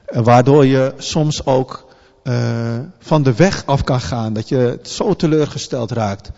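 A man preaching a sermon in an earnest, halting way, often restarting his words. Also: mid-range voice, vocal fry, mellow. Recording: long hall reverb, dull lo-fi sound.

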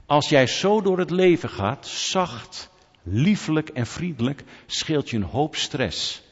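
A man preaching a sermon in church, animated and lively, swinging from quiet asides to loud, urgent calls. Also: a little high, slow pace, breathy edge. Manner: animated preaching, rising to near-shouts when quoting. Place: church hall. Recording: muffled sound in a large reverberant hall.

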